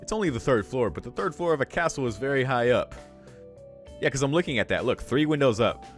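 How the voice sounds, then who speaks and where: A male streamer reads a visual novel aloud, tossing in amused, slangy, sweary asides as casual commentary. His medium-pitched voice is expressive and fast, with faint game music in the background.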